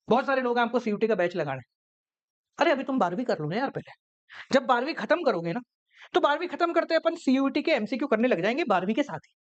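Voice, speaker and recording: A man's voice: extremely high pitch, lo-fi sound. A man teaching a class in a casual, chatty way, explaining with everyday examples.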